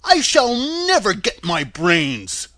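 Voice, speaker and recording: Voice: medium pitch, wildly swooping pitch, takes it slowly, sharp tone, heavily acted. A woman voicing a dim, good-natured male scarecrow with a drawling, doltish delivery, in a storybook reading. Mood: eager, dopey.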